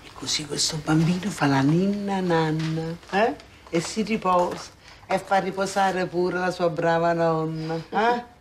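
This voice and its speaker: Soap grandma, older, fussing and chatty, actress, noisy recording. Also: female voice, lowish voice, steady tone, a little slow, natural voice. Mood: cooing. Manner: homely, fussing, sighing. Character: warm, chatty grandmother minding her baby grandson. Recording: noisy background.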